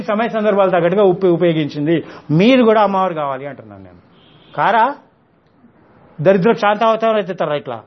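A man giving a spiritual talk, scolding his listeners with rhetorical questions and English words mixed in. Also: sits high. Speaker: spiritual teacher. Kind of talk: spiritual discourse to an audience. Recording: dull lo-fi recording.

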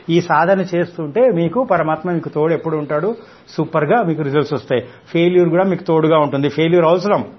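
Guy preaching, high pitched, keeps firing questions at the crowd, kinda muffled lo-fi sound. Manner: scolding, rhetorical questions, mixes in English words. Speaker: spiritual teacher. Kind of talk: spiritual discourse to an audience. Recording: dull lo-fi recording.

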